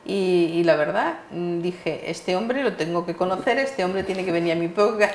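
Female co-host, lowish voice, halting delivery, roomy echo. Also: a little hiss or hum. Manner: hesitant, searching for words. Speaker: co-host and guest professor. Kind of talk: casual TV chat.

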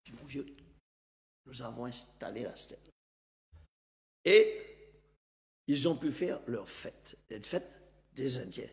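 A man, a mayor on a talk show, telling an anecdote in a lively way and acting out what other people said. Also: medium pitch, slow, long pauses. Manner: lively storyteller who acts out other people's lines and laughs often. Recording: long reverb.

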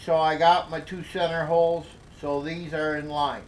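An older man explaining a workshop project at his workbench, talking slowly with many fillers and restarts. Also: on the high side, level tone, poor audio. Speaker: DIY workshop instructor. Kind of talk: hands-on workshop tutorial.

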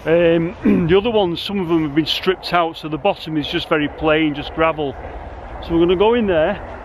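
This urban explorer vlogger, an excitable middle-aged man, rambles enthusiastically with plenty of exclamations while narrating a casual vlog outdoors inside a huge concrete cooling tower. He speaks at normal speed in a slightly high voice. The handheld selfie-framed camera mic gives poor audio with slight background noise.

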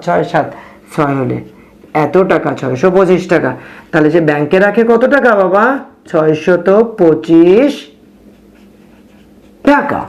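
A man teaching arithmetic to young children, speaking softly and patiently, counting steps aloud and quizzing his students, with a Bangladeshi Bengali accent. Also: fairly high pitch, creaky. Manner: speaking softly on purpose late at night. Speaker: math teacher. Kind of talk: math lesson for young children.

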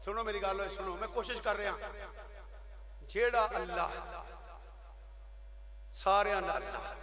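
A man's voice: high-pitched, measured pace, bright, forceful tone. A man with a Pakistani Punjabi accent preaching emphatically to a gathering and urging the crowd to respond. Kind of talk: Punjabi religious speech to a crowd. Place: outdoor religious gathering. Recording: echoey live gathering, crowd audible.

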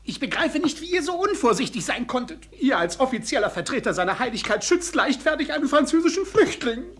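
An actor playing a fretful, scolding Italian cleric in a dubbed period series, lecturing in exasperation. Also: male voice, very high-pitched, big pitch swings, fairly quick, a bit bright, a little hiss or hum, full character voice. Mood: reproachful. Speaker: Italian cleric, abbé's companion.

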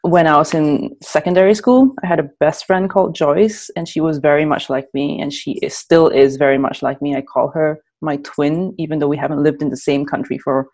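Speaking a little fast in a deep voice with hardly any pauses, a woman from Malaysia in her thirties appears as a guest content creator on a casual video call interview. Relaxed, giggly and chatty, she laughs easily, using an earphone mic in a small room at home.

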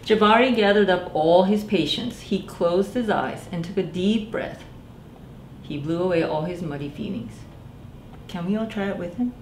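In a small library room, a thirtysomething librarian performs a children's storytime, voicing the characters and talking directly to her young audience with lots of animation. Her voice is lowish and her pace moderate. The recording has an echo and a faint hum of background noise.

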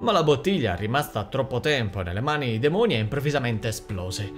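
A man reading a fairy-tale audiobook aloud with expressive storytelling. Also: medium pitch, brisk, faint music behind. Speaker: audiobook narrator. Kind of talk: scripted narration.

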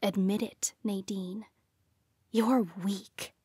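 A woman's voice: mid-range voice, steady tone, very slow, dark tone, breathy edge, no room sound, full character voice. A woman voicing a menacing, taunting female doppelganger, sneering and hissing some words in an audiobook.

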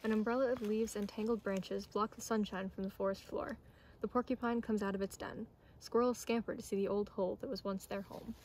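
A young adult woman, an intern, briskly reads a children's nature storybook aloud on a forest trail. Her mid-range voice keeps a steady tone. A camera or phone a short distance away records her, picking up clear outdoor ambient noise.

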